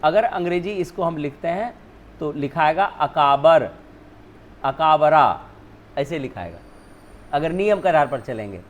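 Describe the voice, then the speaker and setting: Speaking at a normal speed, this Hindi-native male teacher has a slightly high, animated and somewhat mellow voice. He breaks down spelling rules in steps, answering questions he puts to himself and saying "ठीक है ना" again and again.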